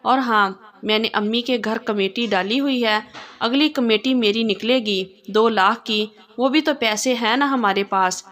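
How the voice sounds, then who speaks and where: A woman's voice: fairly high pitch, unhurried, fairly bright tone. A woman voicing a sweet, teasing young wife in a read-aloud story. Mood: reassuring. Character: cheeky loving young wife.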